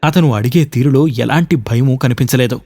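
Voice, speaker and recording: Male radio storyteller, measured. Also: medium pitch, warm tone. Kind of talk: scripted narration.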